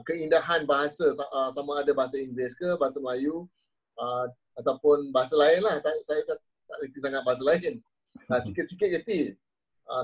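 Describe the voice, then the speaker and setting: Chatty man, somewhat high voice. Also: husky, rough recording. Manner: casual and chatty, drops in English words. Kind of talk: panel discussion.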